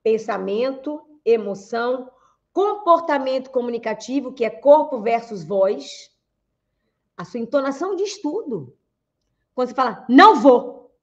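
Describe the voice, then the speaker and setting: A woman's voice: on the high side, animated, a little slow, darkish tone, highs cut off. A woman with a Brazilian accent coaching on communication in a lecture, asking rhetorical questions and acting out quoted speech. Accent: Brazilian Portuguese. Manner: rhetorical questions, calls listeners "gente", acts out quoted speech. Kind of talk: lecture to an audience.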